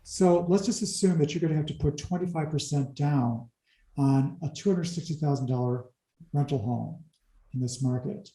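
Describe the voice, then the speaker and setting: A man explaining real estate figures in an interview, talking fast through the numbers with wry asides. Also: a little high, dark tone, roomy sound, poor audio. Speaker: commercial real estate advisor.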